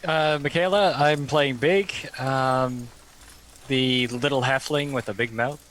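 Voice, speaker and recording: A man's voice: mid-range voice, slow pace, fairly bright tone, low-quality recording. A man casually introducing himself as a player in a tabletop game.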